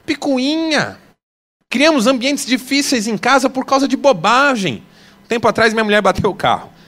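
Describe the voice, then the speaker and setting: Male Brazilian pastor, high for a man, emphatic radio sermon with big loud-soft swings. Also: animated, brisk. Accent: Brazilian Portuguese. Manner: emphatic, swinging between loud exclamations and soft low asides.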